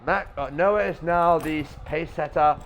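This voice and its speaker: A man doing live motor racing commentary as an informal race caller, chatty between moments of action and rising excitedly with it. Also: a little high, moderate pace, muffled recording. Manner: informal, chatty streamer-like asides. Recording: noisy audio with vehicle sounds.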